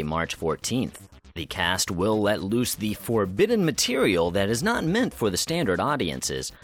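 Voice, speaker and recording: A man hosting a theater news podcast, reading the week's items in an upbeat, promotional way and often saying "of course.". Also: fairly low pitch. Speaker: podcast host.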